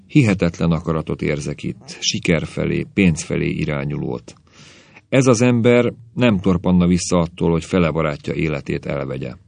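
A man's voice: low voice, vocal fry, darkish tone, no room sound. A man voicing a tense, solemn male clairvoyant who halts and searches for words in a storybook reading. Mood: uneasy.

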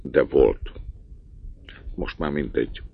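A man reading a story aloud in a measured, expressive way with a gravelly voice. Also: a bass voice. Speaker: narrator. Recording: dull dry lo-fi recording.

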